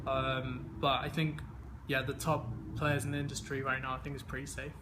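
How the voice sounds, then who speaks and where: A man in his twenties who grew up in England answers interview questions as a games player, easygoing and full of fillers and restarts. His voice is medium-pitched and monotone at a normal speed, with background noise behind him.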